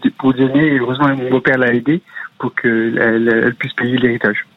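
A man calling in to a radio show, hesitant and quick, sounding distant on a tinny phone line as if on speakerphone. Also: mid-range voice, level tone, no echo. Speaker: radio caller. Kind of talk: call-in radio chat.

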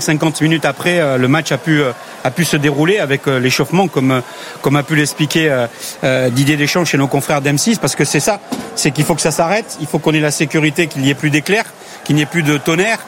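A man commentating live sports on radio, halting and heavy with fillers. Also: fairly high pitch, slight background noise.

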